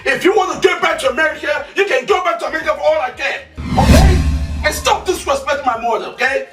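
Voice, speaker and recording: A hot-tempered Edo husband. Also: male voice, very high voice, fast talker, over music. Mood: angry. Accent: Nigerian, Edo. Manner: shouts angrily, switches between English and pidgin. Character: hot-tempered husband defending his mother. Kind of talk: Nollywood film acting. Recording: echoey, from a distance.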